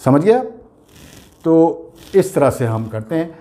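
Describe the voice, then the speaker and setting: A man's voice: fairly high pitch, sing-song, slow, mellow. A man with an Urdu accent teaching English grammar, explaining patiently and spelling words out letter by letter. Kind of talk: classroom grammar lesson.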